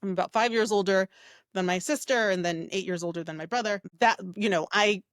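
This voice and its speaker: A woman's voice: mid-range voice, brisk, smooth, no echo, clean studio sound. A woman raised in the United States, a mindset coach, talking in a casual, reflective way about her upbringing, with many fillers and tag questions. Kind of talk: casual interview talk.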